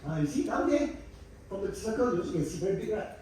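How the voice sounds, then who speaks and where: High, animated Singaporean man in echoey hall. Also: fast, recorded from a distance, slight background noise. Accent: Singaporean English. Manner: playful, teasing banter with the audience, bursts of laughter. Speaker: stand-up comedian. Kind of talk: live stand-up comedy. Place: theatre stage before a live audience. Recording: echoey hall, mic picked up from afar.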